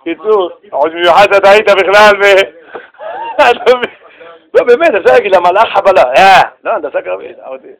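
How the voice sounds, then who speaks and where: A man with a high, bright speaking voice leads a religious text class. He peppers the room with rhetorical questions and snaps out the answers himself, swinging his delivery up and down to drive each point home. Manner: animated, questions the class and answers in quick bursts. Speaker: rabbi teaching a Torah class. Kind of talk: lively lecture with rhetorical questions.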